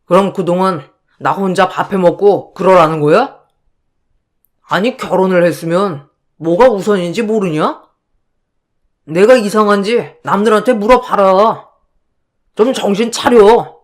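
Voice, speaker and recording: A woman's voice: medium pitch, a little slow, long pauses, close to an everyday voice. A woman voicing a selfish, callous middle-aged husband in a radio drama, grumbling and scornful.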